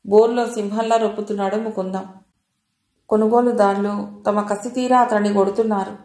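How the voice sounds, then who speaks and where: A woman reading a family drama novel aloud with steady, expressive storytelling. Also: medium pitch, normal speed, reverberant. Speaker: audiobook narrator. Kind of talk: scripted narration of a novel.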